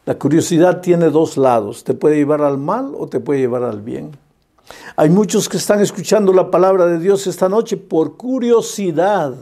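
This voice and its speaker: A man's voice: a little high, lively intonation, normal speed, mellow. A male pastor preaching an evangelistic sermon with impassioned, repetitive cadences, speaking directly and fondly to the listener.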